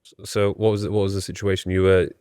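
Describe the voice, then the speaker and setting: A man's voice: low-pitched, little pitch movement, fast talker, warm tone, clear, resonant tone, no echo, studio quality. A man hosting a podcast in casual interview chat, teasing and jokey, often laughing. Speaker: podcast host.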